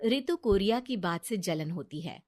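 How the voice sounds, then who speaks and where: A woman narrating a cartoon story in a quiet, plain way. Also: medium pitch, lively intonation, normal speed.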